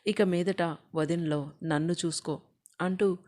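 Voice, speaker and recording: A woman's voice: lowish voice, fairly even intonation, a little slow, darkish tone, natural voice. A woman voicing a weary, desperate young wife pleading in a letter to her mother. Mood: sorrowful, pleading.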